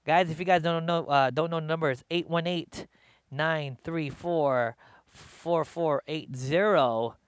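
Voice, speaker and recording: A male comedian hosting a live show, rambling in a slangy, animated rant from his studio. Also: fairly high pitch, slow, smooth, no room sound. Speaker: comedian host. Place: home studio.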